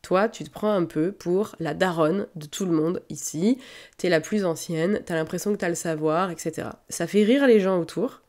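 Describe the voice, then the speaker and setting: A woman with a slightly low voice tells workshop stories in a relaxed, conversational way. She speaks to her listeners directly, as if chatting with a friend. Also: normal speed. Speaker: lingerie seamstress sharing workplace stories. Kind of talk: casual storytelling monologue.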